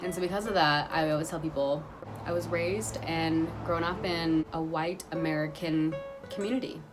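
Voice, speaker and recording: Young woman, low voice, earnest personal vlog storytelling, rambling restarts, guitar music underneath. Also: steady tone, moderate pace. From Guatemala, raised in Utah. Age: young adult. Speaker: vlogger.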